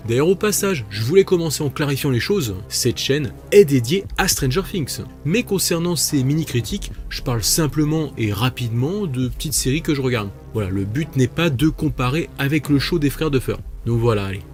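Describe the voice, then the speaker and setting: Male series reviewer, mid-pitched, casual and jokey, faint music underneath. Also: expressive, fairly quick, hardly any pauses. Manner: chatty, jokey asides, self-mocking.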